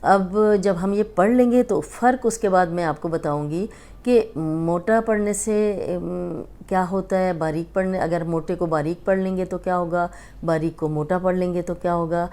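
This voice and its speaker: Woman, Pakistani Urdu accent, patient teacher, low voice, smooth and clear. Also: mellow. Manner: patient, drawn-out letter recitation and explanation. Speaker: Quran reading teacher. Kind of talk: slow instructive lesson.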